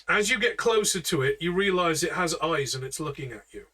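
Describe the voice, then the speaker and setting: A man's voice: on the high side, lively intonation, brisk, pushed and bright, distant mic. A man narrating as game master of a tabletop game, chatty and loose, full of fillers and restarts. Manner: chatty, with frequent fillers and self-corrections.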